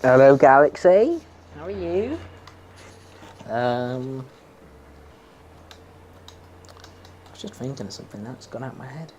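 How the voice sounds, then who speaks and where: A man's voice: medium pitch, animated, measured pace, a little mellow, dull audio, slight background noise. A young man chatting casually while playing a game, rambling, opinionated and laughing often. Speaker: gaming streamer.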